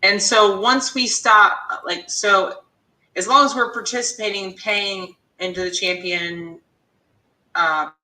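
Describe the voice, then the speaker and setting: A woman's voice: mid-range voice, fairly even intonation, slow pace, sharp tone, roomy sound, recorded from a distance, rough recording. A woman hosting an interview, summing up points and asking follow-up questions. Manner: affirming, summarizing questions. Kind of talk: interview chat.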